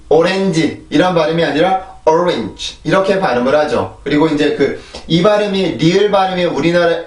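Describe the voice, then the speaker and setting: A man's voice: a little high, echoey room, recorded from a distance. A man whose first language is Korean teaching English pronunciation, explaining patiently and drilling words in repeated sets. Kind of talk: pronunciation lesson.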